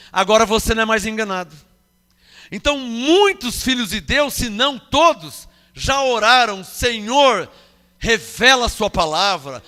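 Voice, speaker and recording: High, bright Brazilian preacher in a reverberant hall. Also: male voice. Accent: Brazilian Portuguese. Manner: emphatic, questions the congregation, acts out quoted voices. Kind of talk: sermon. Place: church hall.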